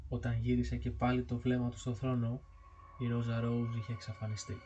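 A man narrating a ghost story from a book, reading in a steady, measured way. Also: mid-range voice, slight background noise. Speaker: audiobook narrator.

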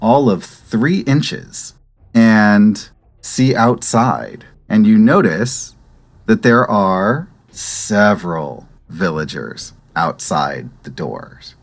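Man, game master, low voice, calm, matter-of-fact narration. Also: very slow.

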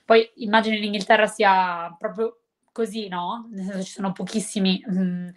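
A woman's voice: mid-range voice, fairly even intonation, moderate pace. A woman who teaches English, chatting casually and explaining things at length. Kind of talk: casual chat.

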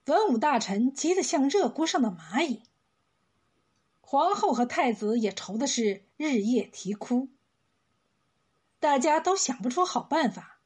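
A high-voiced woman reads an old folk tale aloud. Her voice is soft and breathy. She takes her time over every line, in a slow, deliberate storybook manner. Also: big pitch swings. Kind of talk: scripted narration of a folk tale.

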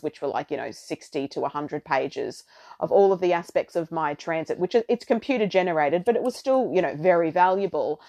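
A woman's voice: sits low, a little mellow. A middle-aged woman hosting a podcast, chatting casually and theatrically in a rambling way. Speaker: astrology podcast host. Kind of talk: casual solo podcast chat.

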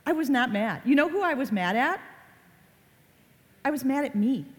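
A woman's voice: high voice, moderate pace. Woman presenter in a reverberant hall. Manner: lively, conversational, acts out quoted family exchanges. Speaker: child safety presenter. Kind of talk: live presentation to parents and kids.

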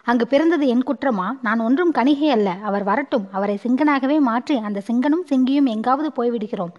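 Anxious young courtesan pleading with herself, slightly high, lo-fi audiobook; woman narrator voices her. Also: a little fast, big-room sound, close to an everyday voice. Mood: longing. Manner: pleading inner monologue. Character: lovesick young courtesan girl, anxious and self-doubting.

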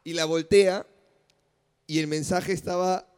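A man's voice: high voice, fairly even intonation, a little slow, darkish tone, clean tone, raised voice. A male comedian, telling a story on a live comedy podcast and acting out the dialogue.

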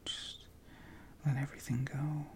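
A man leading a guided contemplative prayer session, talking softly in a hushed whisper with long pauses and relaxed, informal asides. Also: mid-range voice, noisy background. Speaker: prayer leader.

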